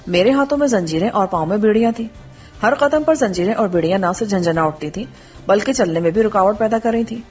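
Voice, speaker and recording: Woman reading a story out, breathy and highish, muffled far-off sound, soft music behind. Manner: steady storytelling. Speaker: narrator. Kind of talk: scripted audiobook narration. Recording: dull distant recording with faint music.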